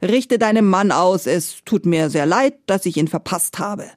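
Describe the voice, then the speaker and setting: A woman's voice: lowish voice, animated, measured pace, no room sound, studio quality. A woman voicing a huge, strong male giant in a fairy tale, whining and stammering. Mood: nervous. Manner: whiny, stammering.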